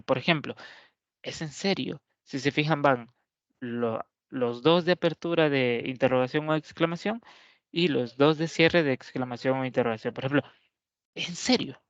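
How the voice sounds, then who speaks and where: A man's voice: mid-range voice, dry recording. Methodical man teaching grammar, dry sound. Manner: methodical, often checks in with "¿verdad?". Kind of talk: explanatory grammar lesson. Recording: dry, slightly dull lo-fi recording.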